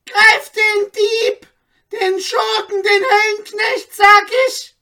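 A narrator voicing an enraged town judge who screams accusations and orders in a shrill, strained voice. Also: little pitch movement, takes it slowly, sharp tone, exaggerated voice. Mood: furious. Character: furious shrieking old town judge.

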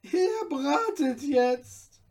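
A man voicing a frightened old male tailor in a storybook reading, high and wailing. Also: animated, very slow, a little mellow, recorded from a distance, exaggerated voice. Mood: timid.

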